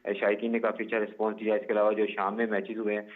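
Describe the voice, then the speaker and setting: Male reporter calling in on a tinny phone line that keeps breaking up; measured, formal delivery with frequent "uh" pauses. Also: fairly low pitch, monotone. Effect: phone line breaking up and cutting out. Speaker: sports reporter phoning in.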